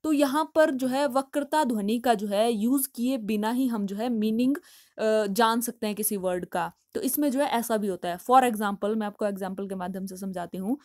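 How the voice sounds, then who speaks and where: A woman's voice: fairly high pitch, darkish tone, dry recording, clean studio sound. Woman patiently explaining a lesson. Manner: explanatory, patient, with frequent filler phrases; reads English lines slowly, then explains them. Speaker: teacher explaining a study topic. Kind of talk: study lesson in Hindi mixed with English.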